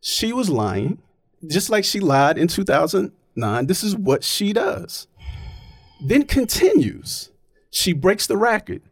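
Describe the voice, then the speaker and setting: A man's voice: high-pitched, big pitch swings, slow, breathy edge, no echo, clean studio sound. A man in casual, opinionated chat, arguing his point emphatically and often checking in with "right?".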